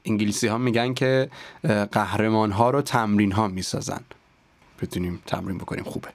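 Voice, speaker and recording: Diction coach, slow and precise. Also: male voice, on the low side, fairly even intonation, no echo. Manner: slow, deliberate, over-articulated demonstrations. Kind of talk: podcast lesson on pronunciation.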